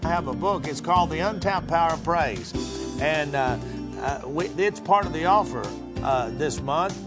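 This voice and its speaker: Male radio co-host, fairly high voice, halting off-the-cuff plug over music. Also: lively intonation. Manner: halting, hesitant phrasing. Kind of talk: unscripted product promotion.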